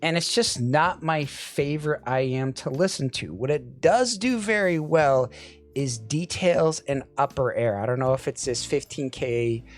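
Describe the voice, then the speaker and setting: A man's voice: medium pitch, expressive, unhurried, faint music behind. A man giving a casual, wry product review with frequent restarts. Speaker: audio gear reviewer.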